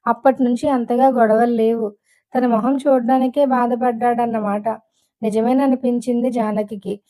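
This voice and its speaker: A woman narrating a novel as an audiobook reader, in a steady, measured storytelling manner. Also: a little high, rough recording.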